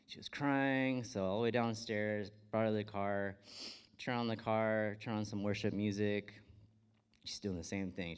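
Deep-voiced man sharing a soft testimony. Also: smooth. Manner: soft, hesitant, many ums and likes. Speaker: guest speaker, father telling a story. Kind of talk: personal testimony in a church service.

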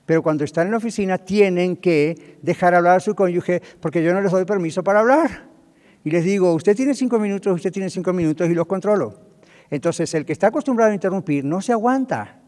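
Higher-voiced male pastor in a reverberant hall. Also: a little fast, a little mellow. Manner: keeps checking in with listeners, acts out quoted speech. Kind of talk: sermon on marriage communication.

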